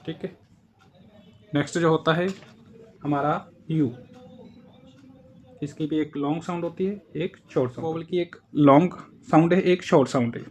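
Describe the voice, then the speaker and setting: A man with an Indian accent gives a casual spoken lesson in a slightly high voice. He explains things patiently and says each example word more than once. A faint hum runs under the recording. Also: fairly even intonation, normal speed, long pauses. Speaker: German language teacher.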